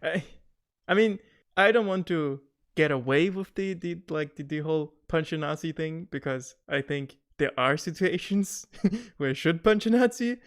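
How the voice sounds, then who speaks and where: A man's voice: fairly high pitch, normal speed. Guy chatting on a podcast, gets worked up, laughs a lot, stumbles and restarts. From Germany. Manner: animated, laughs often, frequent restarts. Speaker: podcast guest. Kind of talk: casual chat.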